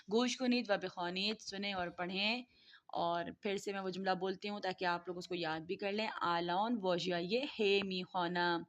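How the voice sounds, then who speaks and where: A woman teaching a language lesson, pronouncing vocabulary words slowly and clearly, then explaining each one. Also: medium pitch. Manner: slow, deliberate pronunciation of vocabulary words, then quick explanations.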